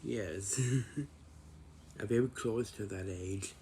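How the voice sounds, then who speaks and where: Young guy in his twenties, low gravelly voice, slow and repetitive, quizzing himself in a casual chat to camera. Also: dark tone, slight background noise. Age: 20s. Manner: repetitive, asks himself questions and answers them.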